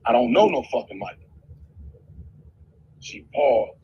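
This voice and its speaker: A man's voice: mid-range voice, very animated, measured pace, dark tone. A middle-aged man telling a painful personal story in a raw, emotional way, swearing heavily. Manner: intense, emotional, heavy swearing. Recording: muffled with faint background noise.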